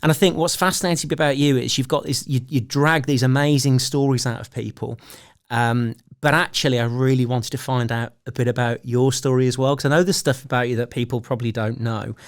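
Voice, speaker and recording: A man hosts a casual podcast interview in a jokey, self-deprecating way. He often trips over his words and restarts his sentences, and his voice sits at a middle pitch. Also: steady tone, brisk. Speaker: podcast host.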